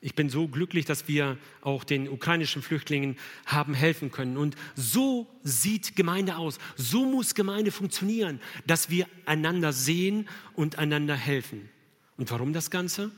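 Male pastor, emphatic sermon delivery, slightly high voice, long reverb. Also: animated, normal speed. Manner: earnest, emphatic preaching with rhetorical questions. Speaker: preacher.

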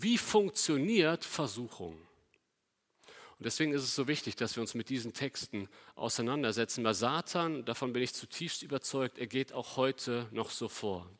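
A man's voice: animated, moderate pace. Emphatic male preacher in an echoing hall. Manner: emphatic, with rhetorical questions to the congregation; swings between loud emphasis and low, quiet stretches. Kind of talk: sermon.

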